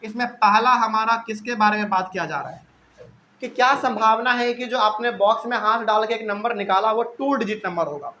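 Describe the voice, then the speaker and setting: A man's voice: sits high, normal speed, bright, forceful tone, slight background noise, low-quality recording. A man teaching a math lesson, explaining step by step and asking questions before answering them himself.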